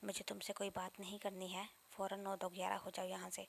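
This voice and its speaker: A woman narrator voicing a proud, sharp-tongued young woman student, speaking curtly and with scorn. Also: mid-range voice, completely flat delivery, vocal fry, a little hiss or hum, close to an everyday voice. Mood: scornful. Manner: curt and scornful.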